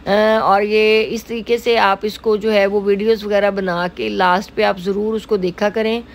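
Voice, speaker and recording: A middle-aged woman with a Pakistani Urdu accent, a makeup artist and salon owner, narrates a casual tutorial in a mid-range voice. Her tone stays level and her speed normal. She chats freely, leaning on filler phrases and repeating "jo hai woh" again and again.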